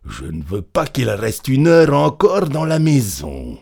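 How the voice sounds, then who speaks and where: A man's voice: medium pitch, huge pitch swings, unhurried, gravelly, darkish tone, husky, pitched above the performer's own voice, exaggerated voice. A man voicing a nervous, insistent male peasant farmer in a storybook reading. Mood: eager.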